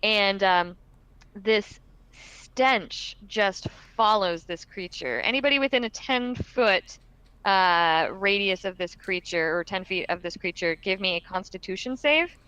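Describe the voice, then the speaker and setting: A woman runs a tabletop game as dungeon master, chatting casually and swearing freely. Her voice is smooth and clear, of medium pitch. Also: measured pace, sharp tone, dry recording, highs cut off.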